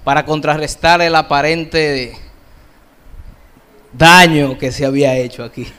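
A middle-aged male pastor preaching a sermon, slowing down to stress key phrases. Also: high voice, pushed and bright, smooth.

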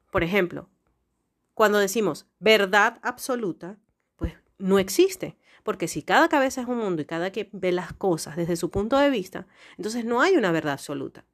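Woman podcast host explaining things conversationally. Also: medium pitch. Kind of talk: conversational monologue giving life advice.

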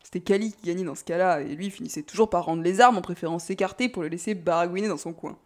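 A woman reads a novel aloud in a calm, measured way. Her narration is steady and quiet, and she takes the story at an even, unhurried pace. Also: lowish voice. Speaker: audiobook narrator. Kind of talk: scripted narration.

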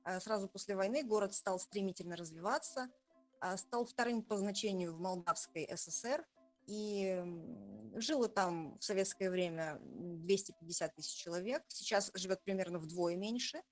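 A woman in her forties from Transnistria, a journalist speaking in an interview in a proud, thoughtful way with hesitant pauses. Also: medium pitch, animated, soft background music. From Transnistria, Moldova. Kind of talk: conversational interview.

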